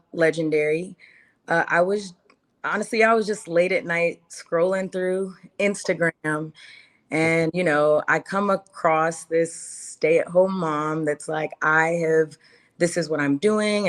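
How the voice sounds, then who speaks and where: An interview guest with a low-pitched voice shares her personal story in a casual way. She's emphatic, circling back on phrases and posing rhetorical questions.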